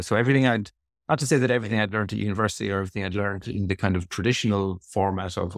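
Low-pitched west of Ireland man. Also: gravelly, dry recording, studio quality. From Sligo, west of Ireland. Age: middle-aged. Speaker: interview guest, physiotherapist. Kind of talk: conversational interview answers.

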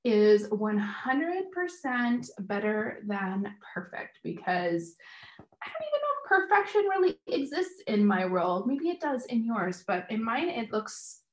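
A woman's voice: fairly high pitch, big pitch swings, unhurried. A woman hosting a casual solo podcast as a business coach, chatting straight to her listeners in an upbeat way while she does her hair and makeup at home. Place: home bathroom. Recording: echoey bathroom with faint music.

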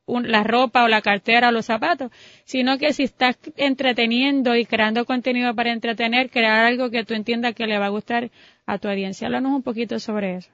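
A woman with a fairly high voice leads the interview in long, flowing sentences. She sounds encouraging toward her guest. The recording is dry and somewhat muffled. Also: steady tone, a little fast, a bit bright, dry recording. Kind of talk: interview questions and commentary.

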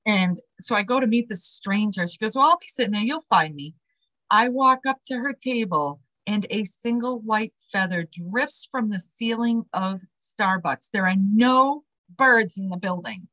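Woman, medium, casual storyteller, animated, mid-pitched, dull dry recording. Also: unhurried, no room sound. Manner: animated, acts out quoted dialogue.

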